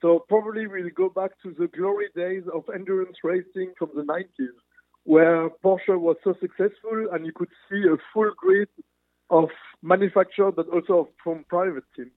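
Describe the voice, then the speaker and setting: A man's voice: sits high, fairly even intonation, moderate pace, dry recording. Earnest man on a tinny phone line. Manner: earnest, searching for words with restarts. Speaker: motorsport manufacturer executive guest. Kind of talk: remote interview answers.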